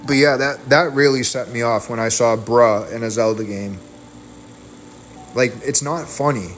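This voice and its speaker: A man's voice: medium pitch, a little slow, fairly bright tone, faint music behind. A man streaming from home, delivering a heated, profane, rambling rant into a desk mic. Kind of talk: ranting stream talk.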